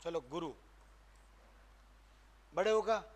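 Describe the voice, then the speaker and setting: A man's voice: high voice, drawn-out words. A man teaching grammar to a live class. He keeps firing questions at the students and answers them himself, stressing and repeating sounds to show how they are spoken. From Rajasthan, India. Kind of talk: classroom lecture.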